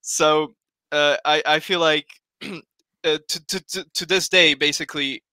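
A man's voice: a little high, steady tone, measured pace, sharp tone, clear, resonant tone, no echo. A young man from Slovakia, a native Slovak speaker, speaking earnestly on a headset in a casual online panel, hesitant with many fillers and restarts. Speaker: panel guest. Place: home room.

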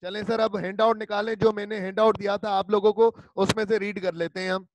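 A male law teacher lectures in an online class, drilling students with call-and-response and repeating key terms over and over. His voice sits high with little pitch movement and a quick pace. The recording is low-quality but has no echo.

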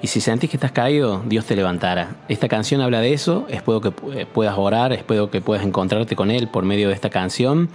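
Low-voiced Argentine radio host. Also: male voice, fast, hardly any pauses. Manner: warm direct address to the listener, encouraging.

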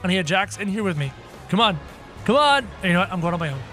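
A man doing excitable game commentary for viewers, exclaiming as he plays. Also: high-pitched, racing, soft background music. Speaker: gaming YouTuber.

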